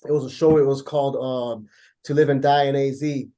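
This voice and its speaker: A man's voice: medium pitch, level tone, a little fast, dark tone. A laid-back man from Chicago, a guest in a casual interview, who keeps dropping "man" and "bro".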